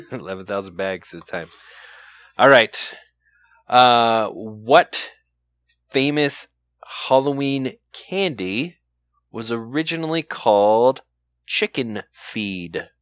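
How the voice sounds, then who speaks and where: A man co-hosting a podcast and running a trivia game, talking in a relaxed, rambling way with lots of fillers. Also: medium pitch, takes it slowly, long pauses, dry recording. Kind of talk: casual chat. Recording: slightly dull lo-fi, dry sound.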